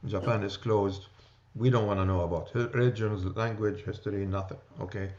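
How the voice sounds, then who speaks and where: A man's voice: fairly low pitch, steady tone, brisk, darkish tone, highs cut off. A man with a New York accent teaching an adult church class, talking loosely and checking in with "okay?" and "right?". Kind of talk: church class lecture with discussion.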